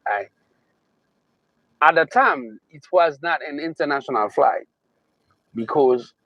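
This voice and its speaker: A man's voice: medium pitch, dry recording, poor audio. A man from Haiti with a Haitian accent, giving a motivational talk, emphatic and fond of repeating his key phrases. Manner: emphatic, repeating phrases, slow drawn-out stresses. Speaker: motivational speaker.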